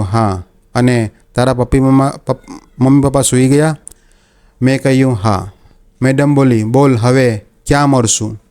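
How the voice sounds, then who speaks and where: A man telling a first-person story in a calm, steady storytelling manner. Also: medium pitch.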